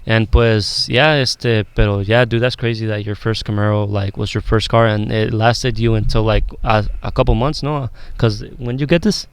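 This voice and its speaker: A man's voice: fairly low pitch, fairly even intonation, normal speed, hardly any pauses, smooth, dry recording. A man guesting on a podcast in casual chat, easygoing, slipping Spanish fillers into his English.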